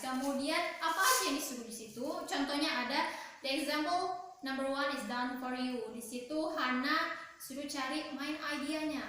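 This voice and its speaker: A woman's voice: high-pitched, pushed and bright. A woman with an Indonesian accent teaching English in a classroom, switching between Indonesian and English and asking questions and praising students. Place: empty classroom. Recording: very echoey room, faint noise.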